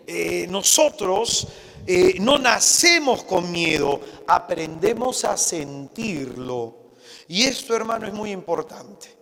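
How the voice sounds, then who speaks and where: High-voiced man preaching in a reverberant hall. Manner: animated, acts out worried voices, addresses listeners as brothers. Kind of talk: sermon.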